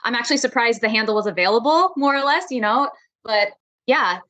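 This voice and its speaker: A woman's voice: a little high, animated, brisk, a bit bright, no echo. A young woman guest on an interview podcast, telling stories in an upbeat, eager way with easy laughs. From Florida, USA. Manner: upbeat, eager storyteller who laughs easily. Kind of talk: casual interview chat.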